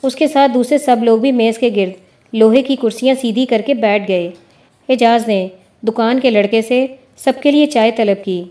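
Woman, storybook narration, steady reading, mellow, fairly high pitch.

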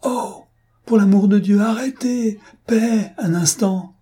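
A man's voice: high-pitched, takes it slowly, slightly rough, voice pushed up, full character voice. A man playing a frantic, panicked everyman. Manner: frantic, pleading, shouting. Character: panicked ordinary man facing a storm. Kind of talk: audiobook character voice.

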